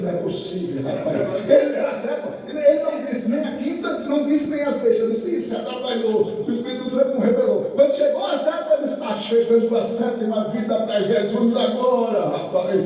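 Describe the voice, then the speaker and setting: Guy preaching, high voice, distant mic in a big reverby church, soft music behind. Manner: storytelling, building to shouted emotional peaks. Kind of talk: sermon testimony. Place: large echoey church hall. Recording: echoey church hall from far off, faint music.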